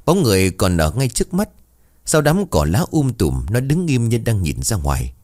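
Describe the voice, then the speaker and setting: A man narrating a ghost story in a dramatic, expressive way. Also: lowish voice, normal speed.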